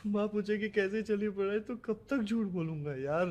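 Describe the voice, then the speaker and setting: A young male student, played by an actor, tearful and despairing about his studies. His voice sits fairly high. It is a scripted drama scene. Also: normal speed, darkish tone, highs cut off, lightly acted. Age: young adult. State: crying. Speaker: student preparing for entrance exams. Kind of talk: scripted series acting.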